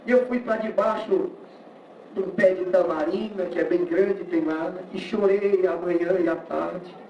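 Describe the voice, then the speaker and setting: A man's voice: sits high, steady tone, measured pace, a little mellow, slight background noise. A man with a Brazilian Portuguese accent giving an emotional church testimony, acting out the voices in his story. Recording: echoey, distant, lo-fi room recording.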